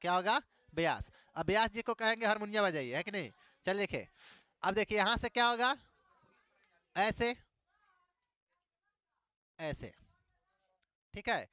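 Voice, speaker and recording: A man's voice: high-pitched, lively intonation, unhurried, pauses often, bright, forceful tone, no room sound. A man teaching a math lesson, repeating key words back as questions and adding playful asides.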